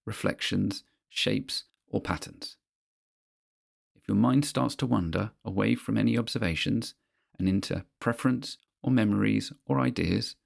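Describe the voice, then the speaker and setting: A man with a low, heavily creaky voice leads a guided mindfulness exercise. His delivery is husky and measured, with pauses between short instructional phrases. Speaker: guide of a therapeutic grounding exercise.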